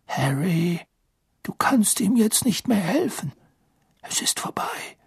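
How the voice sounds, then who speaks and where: A man voicing a gentle old male headmaster, who speaks softly and soothingly. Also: high voice, very animated, takes it slowly, creaky, slightly rough, no echo, clean studio sound, pitched above the performer's own voice, heavily acted. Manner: soft, hushed, soothing.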